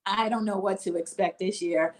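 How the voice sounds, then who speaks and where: A woman's voice: medium pitch, fairly even intonation, moderate pace. A woman from Mississippi, a boutique owner, talking casually in an interview over a video call with frequent ums.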